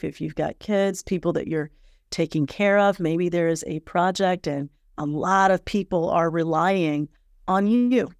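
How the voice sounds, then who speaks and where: Slightly congested from sinus pressure, this podcast host and personal coach talks in a lowish voice with a candid, earnest, encouraging manner. The motivational podcast is recorded at studio quality with no room sound.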